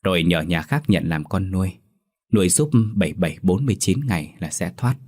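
A man's voice: sits low, darkish tone. A man voicing a smug old sorcerer. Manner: drawling, unhurried. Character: scheming old male sorcerer, smug and slow-spoken.

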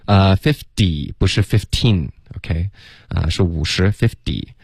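This deep-voiced male pronunciation coach is animated, with vocal fry and a breathy edge, as he patiently fixes sounds and models them slowly. English words slip into his explanations, and the audio is dry and close-miked.

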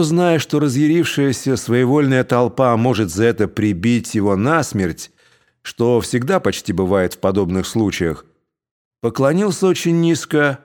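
A man narrating a classic tale as an audiobook, in an expressive, unhurried way. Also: medium pitch.

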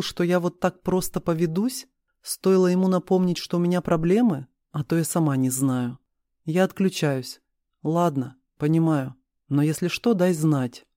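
Storyteller guy, slightly high but mellow, dry close mic, steady reading. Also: normal speed, no echo. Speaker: audiobook reader. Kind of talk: reading a first-person novel aloud.

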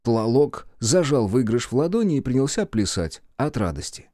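A man narrating an audiobook in a lively, expressive reading style. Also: medium pitch, moderate pace, no room sound. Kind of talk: expressive storytelling.

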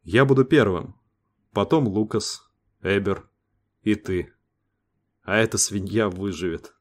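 A man doing a gloomy spaceman muttering low and quiet, slow. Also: animated. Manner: quiet, sighing. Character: gloomy resigned male crewman.

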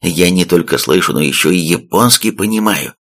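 A man's voice: deep voice, lively intonation, moderate pace, fairly bright tone. A man voicing a dazed, drugged young captive in an audiobook.

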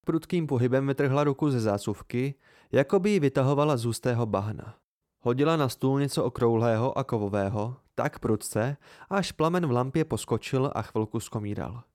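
A man's voice: mid-range voice, vocal fry, dry recording, studio quality. Man reading an amateur audiobook. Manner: steady first-person storytelling. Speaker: audiobook reader.

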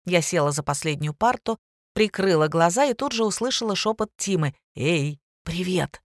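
A woman's voice: lowish voice, animated, a little fast, no echo, studio quality. Woman narrating a wry audiobook. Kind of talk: audiobook reading.

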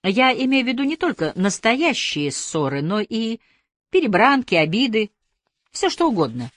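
A woman's voice: a little high, big pitch swings, normal speed, no echo, voice pushed up. A woman voicing a polite but firm male detective questioning suspects, in an audiobook.

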